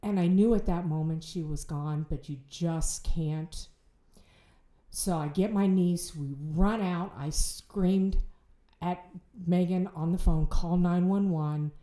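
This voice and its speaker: Middle-aged woman, dark roomy voice. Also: on the low side. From Ohio, United States. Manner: halting, with restarts and repeated words. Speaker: bereaved mother, podcast guest. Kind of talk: emotional personal storytelling. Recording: roomy echo.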